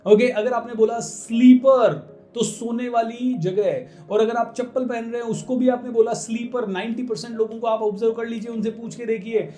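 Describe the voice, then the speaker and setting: A man from India, coaching English pronunciation in a casual Hindi lesson and slowing right down to drill stressed syllables. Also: extremely high pitch, flat delivery, dark tone, reverberant.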